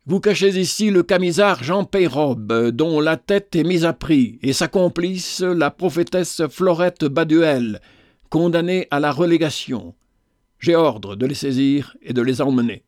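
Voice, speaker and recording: A stern, commanding army captain from a storybook, put on by a male reader. The voice sits clearly higher and a touch louder than the narration, formal and insistent, with a dry close sound. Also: unhurried, no echo, close to an everyday voice. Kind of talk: storybook reading.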